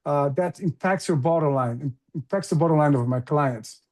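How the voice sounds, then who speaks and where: An interview guest who founded a recruiting business, this middle-aged Brazilian speaks with a Brazilian accent, Portuguese being his native tongue. He's eager and conversational with plenty of fillers, his voice high-leaning, a little mellow, at normal speed.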